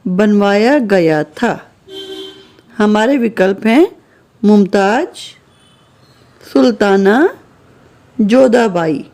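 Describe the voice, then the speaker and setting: Woman schoolteacher, very slow, warm mellow tone. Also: medium pitch. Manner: patient, slow and deliberate, reading out words one at a time. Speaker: teacher. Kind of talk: slow classroom exercise walkthrough.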